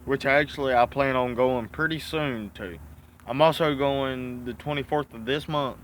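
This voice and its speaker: Bright-voiced Southern man talking with a dip. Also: mid-range voice, moderate pace, slight background noise. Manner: talking with a dip of chewing tobacco in the lip; folksy, mildly profane. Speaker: fishing vlogger. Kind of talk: casual rambling chat to camera.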